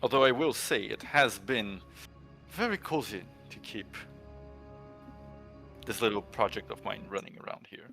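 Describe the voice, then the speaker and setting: A man's voice: on the low side, animated, a little slow, vocal fry, long pauses, pushed and bright, faint music behind, exaggerated voice. A man voicing an arrogant, pompous male engineer villain who talks down to everyone. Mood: smug. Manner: condescending, grandiose.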